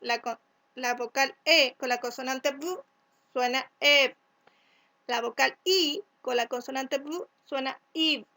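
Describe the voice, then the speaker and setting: High-voiced chilean lady teacher, talks real slow, sounds out syllables for little kids. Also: bright, forceful tone. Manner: asks "¿cierto?" to check along. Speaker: first-grade teacher. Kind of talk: recorded remote class instructions.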